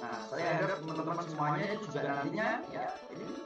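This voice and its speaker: A fairly high-voiced man hosts a live online session in a chatty, easy way, often checking in with his listeners. His voice booms with a heavy cavernous echo, and the mic sits away from him. Loud music plays behind him. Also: brisk, recorded from a distance, dull audio. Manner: chatty, keeps asking listeners for audio feedback. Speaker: host of an online product session. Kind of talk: casual live-stream talk.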